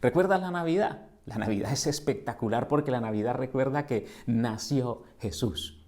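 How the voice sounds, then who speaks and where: In a church sanctuary, a middle-aged Colombian man preaches a sermon with a Colombian Spanish accent, his voice mid-range and darkish at a moderate pace. He speaks earnestly, posing questions and building up to emphatic repetitions.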